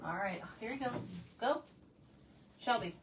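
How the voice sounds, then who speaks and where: A woman's voice: a little high, lively intonation, a little slow, noisy background. A woman hosting a craft livestream, chatting casually while she paints and answering viewer comments in loose, laughing asides. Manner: laughs often, talks in loose run-on asides.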